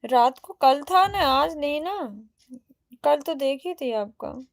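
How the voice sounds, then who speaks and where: Woman streamer, Awadhi accent, higher voice, slow chatty delivery reading comments aloud. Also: expressive, no room sound, studio quality. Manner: chatty, greets and answers viewers one by one. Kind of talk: casual livestream chat.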